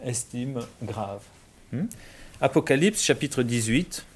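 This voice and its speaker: Belgian man explaining scripture calmly. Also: medium pitch, breathy edge. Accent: Belgian French. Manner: measured, explanatory, uses everyday examples. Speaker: Bible discussion speaker. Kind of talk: conversational Bible teaching.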